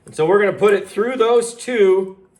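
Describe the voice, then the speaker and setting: Giving a laid-back, folksy demonstration, a male DIY host and product reviewer often talks half to himself as he works. He has a high voice with a darkish tone and a moderate pace.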